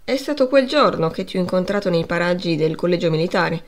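A woman's voice: lowish voice, lively intonation, fairly quick, lightly acted. A woman reading as a stern old-school male teacher. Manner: stern questioning. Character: stern male schoolteacher, middle-aged, severe.

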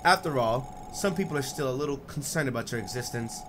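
A man's voice: medium pitch, animated, fairly quick, noisy background, close to an everyday voice. A man reading the lines of a cool, scheming female guild leader in a plain, dismissive tone. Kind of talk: reading game dialogue aloud.

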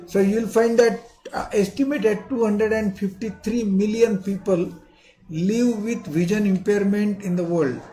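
An older man, a professor giving a slide lecture, reading out points in a halting way and repeating words. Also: sits high, dark tone. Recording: clearly noisy background.

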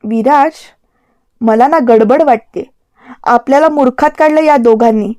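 A grumbling young man in a spoken love story, sure he has been tricked, voiced by a woman reader. High, mellow tone in a dry, close recording. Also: unhurried, no echo. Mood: suspicious. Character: young man, suspicious friend.

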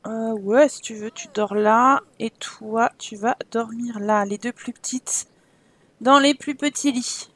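High-pitched woman playing Sims. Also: fairly even intonation, takes it slowly, fairly bright tone, no echo. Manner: exasperated, swears at the game, talks to her Sims. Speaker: Sims let's play streamer. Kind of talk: casual gameplay commentary.

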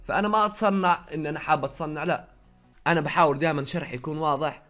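A young Jordanian man rattles along at a very fast pace in a slightly raised voice, slipping some Saudi words into his dialect. He talks casually to his viewers from his own room, reading their questions aloud and answering them one after another. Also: fairly high pitch, fairly even intonation, a bit bright, soft background music. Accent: Jordanian Arabic with some Saudi words. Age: young adult. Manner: rapid, chatty, reads viewer questions aloud then answers. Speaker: YouTuber.

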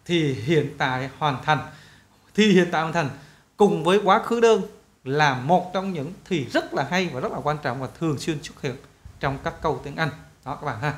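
A young man with a Vietnamese accent teaching an English pronunciation lesson, drilling each model word slowly and loudly. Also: on the high side, echoey room. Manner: lively, repeats model words slowly and loudly.

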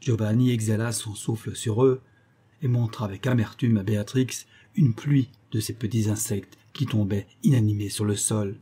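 A man narrating a literary audiobook in a measured, expressive reading. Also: lowish voice, slightly rough. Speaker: audiobook reader.

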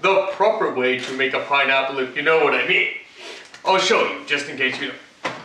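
A man's voice: mid-range voice, moderate pace, bright, forceful tone, slight background noise, lightly acted. Cocky Batman, as a man plays him in an echoey kitchen. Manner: chatty, boastful, rambling with fillers. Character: Batman, grown male hero, cocky and boastful. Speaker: cooking show host. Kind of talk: comic cooking demonstration. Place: home kitchen, indoors. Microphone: far camera. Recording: echoey kitchen, mic far off.

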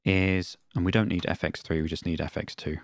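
A man teaching audio engineering in a screen-recorded software tutorial, explaining step by step and repeating a test phrase to demonstrate. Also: low-pitched, flat delivery, fairly quick, dry recording.

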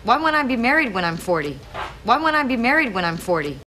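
A woman's voice: fairly high pitch, very animated, fast talker, sharp tone, a little hiss or hum. An actress playing an anxious young woman who doubts herself, in a sitcom. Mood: worried. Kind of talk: sitcom acting.

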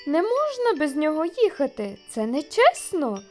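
A woman's voice: high-pitched, wildly swooping pitch, normal speed, darkish tone, soft background music, voice pushed up. A woman voicing a fretting fox. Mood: upset. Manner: straining, upset. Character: fair-minded fretting female fox.

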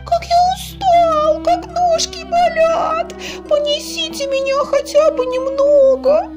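A woman voicing the smallest little boy in a children's storybook, in a very high squeaky child voice. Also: flat delivery, slow pace, music in the background. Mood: whiny. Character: tiny tired little boy, whiny then cheerful.

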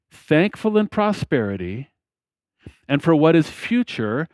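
A man in his fifties preaching a sermon from a church lectern on a headset mic, slow and deliberate, with emphatic pauses and phrase ends that fall away. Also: mid-range voice, darkish tone, no room sound. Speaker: pastor. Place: church platform behind a lectern, indoors.

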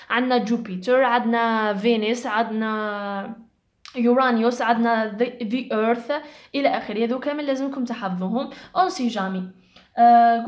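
A woman with an Algerian Arabic accent giving an exam revision lesson. She explains quickly with frequent hesitation sounds, then spells out the examples slowly. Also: on the high side. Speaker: teacher.

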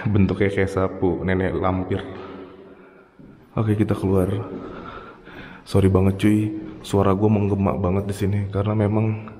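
A man's voice: little pitch movement, measured pace, pauses often, warm tone, a little hiss or hum. Man echoing through empty rooms. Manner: slangy, chatty, narrating each step. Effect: strong echo in empty high-ceilinged rooms. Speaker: vlogger exploring an empty house. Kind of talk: casual exploration vlog. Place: empty house without furniture, indoors.

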